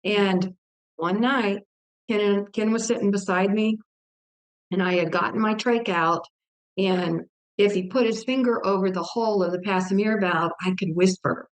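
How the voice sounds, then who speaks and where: A woman's voice: medium pitch, fairly even intonation, measured pace. An older woman from Texas, a guest author in an interview, telling a personal faith story earnestly, with vivid quoted dialogue.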